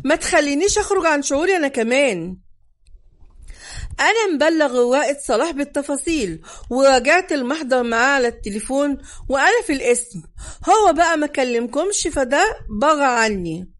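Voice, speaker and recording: A woman's voice: high voice, lively intonation, fairly quick. A woman doing a smug young Egyptian cop. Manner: smug, provoking. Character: smug, arrogant young male police lieutenant.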